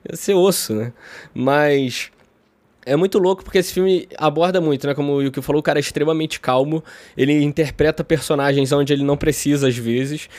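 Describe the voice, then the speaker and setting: Brazilian podcast co-host, young man, slightly high, bone-dry sound, chatty. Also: fairly even intonation, fairly quick, darkish tone, dry recording. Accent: Brazilian Portuguese. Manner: chatty, laughs often. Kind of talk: casual podcast chat.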